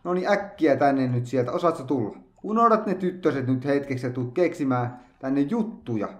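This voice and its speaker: A man's voice: mid-range voice, animated, reverberant. A man giving casual, joking commentary as he plays a video game, chatting to his game characters. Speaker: let's play gamer.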